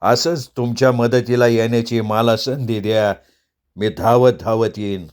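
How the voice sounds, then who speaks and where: A man voicing a strong, grateful rustic village man in a storybook reading, talking in slow, heavy village speech. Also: mid-range voice, steady tone, clear, resonant tone, close to an everyday voice. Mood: earnest.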